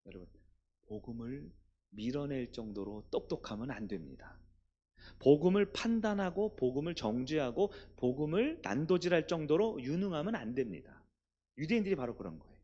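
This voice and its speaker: A man's voice: a little high, big pitch swings, normal speed, warm tone, muffled recording. A male pastor preaching a sermon in church, asking the congregation questions and answering them himself.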